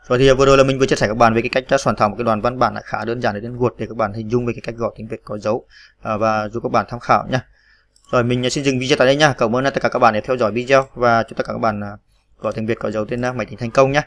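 A man's voice: mid-range voice, fairly bright tone. A man narrating a screen-recorded typing tutorial, patiently spelling out letters one by one with many fillers.

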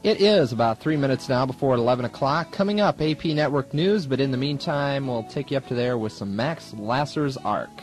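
Animated and a little fast, this young American college DJ barely pauses as he announces songs and chats in a wry, casual way. His pitch is medium, and the clip comes from a 1980s radio studio aircheck tape.

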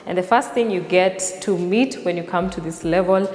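A Kenyan woman hosts a walking tour of a large, empty house, speaking in a lowish, darkish voice at a moderate pace. Chatty and enthusiastic, she points out features and calls viewers "you guys," her words echoing with long reverb through the bare rooms.

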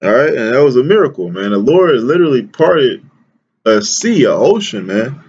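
A man reading Bible verses aloud and explaining them in a casual, slangy, excited way, often repeating words and calling the listener "man". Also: medium pitch, normal speed, husky, muffled recording. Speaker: bible teacher. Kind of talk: casual scripture reading and commentary.

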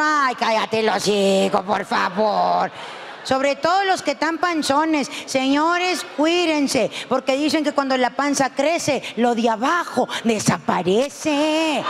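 A high-voiced woman with a Mexican accent performs stand-up comedy. She talks brash and profane, firing off her lines quickly. There is a faint hiss behind her. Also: long reverb tail. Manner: brash, profane, rapid-fire.

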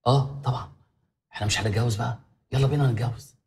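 An actor in an Egyptian sitcom with an Egyptian Arabic accent, joking and making rambling excuses. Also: male voice, mid-range voice, steady tone, racing, a little mellow, close to an everyday voice. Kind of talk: TV sitcom acting.

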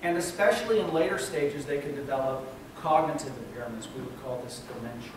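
A male university lecturer explaining to students, checking in with "okay?" and pausing on fillers. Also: medium pitch. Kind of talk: recorded classroom lecture. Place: lecture room. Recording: echoey room, distant mic, noisy.

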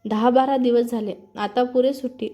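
A teasing old mother-in-law lightly scolds the family in a mellow, even voice, as a woman narrator reads her lines. She sounds fond rather than harsh, in a plainly read storybook manner. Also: on the high side, moderate pace, lightly acted. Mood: fond scolding.

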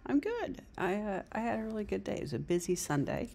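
A woman's voice: medium pitch, big pitch swings, a little fast, creaky, darkish tone. A middle-aged woman chatting casually with a puppet at close range in a living room. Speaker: amateur ventriloquist. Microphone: device camera at close range.

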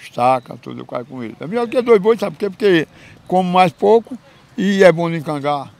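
A man's voice: sits high, animated, a little fast, gravelly, darkish tone. An older man answering interview questions outdoors at a livestock fair. He talks in an emphatic, folksy way and often repeats himself. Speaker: donkey cart owner. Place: outdoor dirt fairground with animals. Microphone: handheld mic held by interviewer.

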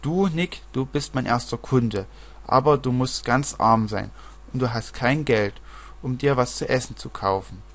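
A man's voice: mid-range voice, measured pace, fairly bright tone. A man reading a bossy little shop-girl.

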